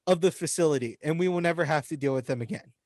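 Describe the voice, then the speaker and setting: A young man, telling an animated story about a rude customer in a casual podcast chat. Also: fairly high pitch, quick pace, no room sound, clean studio sound. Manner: animated storytelling, voice rising when venting. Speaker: podcast co-host.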